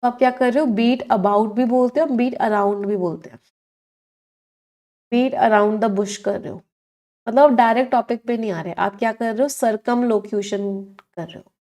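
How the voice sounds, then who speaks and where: A woman's voice: fairly high pitch, normal speed, darkish tone. Hindi-English mixing woman teacher. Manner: explains words in Hindi mixed with English, asks the class questions. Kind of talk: online exam-prep lesson.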